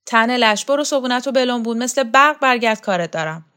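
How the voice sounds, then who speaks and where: A woman's voice: on the high side, fairly bright tone, voice pushed up, natural voice. A woman voicing a bossy older servant woman who mocks and barks orders at a girl in an audiobook. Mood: scolding. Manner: harsh, mocking, barking orders.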